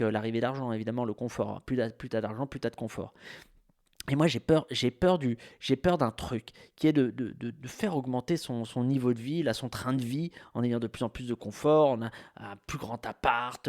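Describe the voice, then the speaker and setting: A man's voice: medium pitch, darkish tone. A man from France hosting a podcast, talking in a rambling, self-mocking monologue full of restarts and exasperated asides. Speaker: podcast host. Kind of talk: casual monologue.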